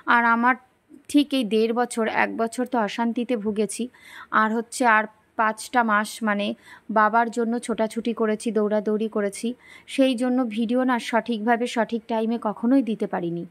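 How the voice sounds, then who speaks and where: Soft-spoken tired woman vlogger. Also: fairly even intonation. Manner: soft, slow and low-energy. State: unwell and tired. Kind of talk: daily life vlog voice-over.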